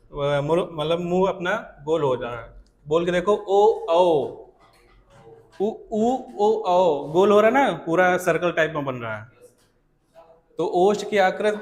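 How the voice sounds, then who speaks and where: High-voiced teacher in an echoey classroom. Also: male voice. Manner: demonstrates sounds aloud, checks if students follow. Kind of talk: classroom lecture.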